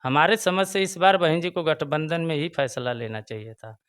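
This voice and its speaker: A man's voice: on the high side, moderate pace, fairly bright tone, clean tone. A man with a Bhojpuri-tinged eastern Uttar Pradesh accent, a local party booth president giving his earnest views in an interview and repeating his points. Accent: Bhojpuri-tinged Hindi of eastern Uttar Pradesh. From Chandauli, Uttar Pradesh. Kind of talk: casual political opinion interview.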